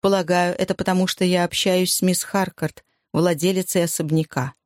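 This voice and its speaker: A narrator voicing a firm young wartime wife who speaks calmly and steadily, in a dry recording. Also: mid-range voice, normal speed, no echo, lightly acted.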